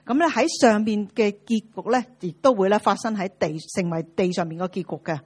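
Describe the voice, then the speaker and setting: Quick, husky woman interpreting a sermon. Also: mid-range voice. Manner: quick, with many filler particles.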